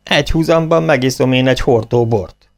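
A man's voice: medium pitch, faint music behind, lightly acted. A man voicing a proud, boastful champion eater and drinker who brags haughtily and grumbles.

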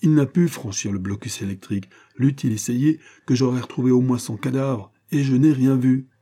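A man's voice: medium pitch, moderate pace, dark tone, pitched above the performer's own voice, lightly acted. A man voicing an agitated engineer in an audiobook, speaking in a guttural, heated way. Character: agitated male engineer, gruff and furious.

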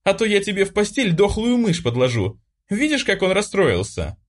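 A man's voice: sits high, huge pitch swings, moderate pace, voice pushed up, full character voice. Man doing a hissing, mocking young sister. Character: sharp-tongued teasing young sister.

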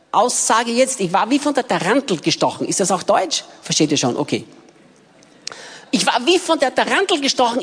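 Woman delivering a sermon, lively pitch, a bit husky, long hall echo. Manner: animated storytelling.

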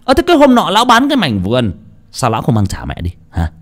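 A man voicing a rough, bullying male debt collector who barks his threats. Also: medium pitch, sing-song, brisk, natural voice. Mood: menacing. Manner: barking, bullying.

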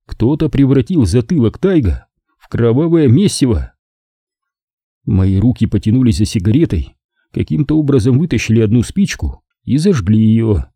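A male narrator tells a first-person crime story in a measured, dramatic way. His voice is dark, mellow and husky, with lively rises and falls, recorded close and dry. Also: medium pitch, no echo. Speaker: audiobook narrator. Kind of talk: first-person detective novel reading.

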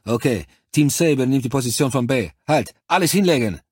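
A man voicing a gruff male sergeant who shouts clipped military orders at his troops. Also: mid-range voice, brisk, no room sound, clean studio sound, natural voice. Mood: commanding.

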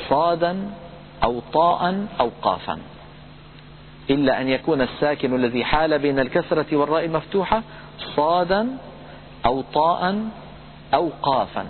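A man giving a recitation lesson, explaining pronunciation rules in a calm lecture and chanting example words slowly. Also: medium pitch, a little hiss or hum. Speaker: Quran recitation teacher. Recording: tinny phone-like lo-fi audio.

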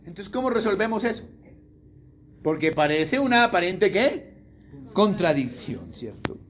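Pastor, very high voice, keeps asking the church questions. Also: male voice, big pitch swings, unhurried. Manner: conversational, asks the congregation questions. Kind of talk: sermon.

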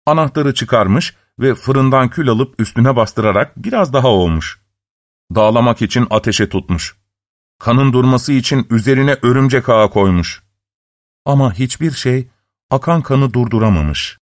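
A man narrating a fairy tale in an expressive, dramatic storytelling manner. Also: medium pitch, a little slow.

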